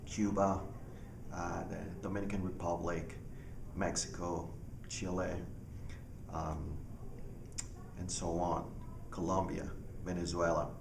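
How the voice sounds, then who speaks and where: A man, a pastor speaking earnestly about his ministry with halting restarts. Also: sits low, level tone, vocal fry. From Panama. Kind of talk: personal ministry testimony. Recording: echoey room, far from mic, audible noise.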